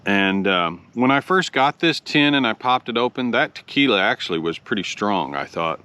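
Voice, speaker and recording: A man from Oklahoma hosting a casual review, explaining things in a measured, deliberate way. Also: fairly low pitch, animated, bright, forceful tone, smooth. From Oklahoma, United States. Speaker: pipe tobacco review host.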